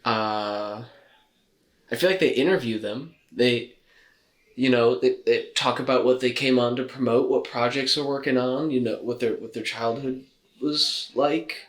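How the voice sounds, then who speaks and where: Speaking a little slowly at a medium pitch, a young man co-hosting a podcast keeps the chat casual and makes dry jokes at his own expense. An echoey, spacious room colors the sound.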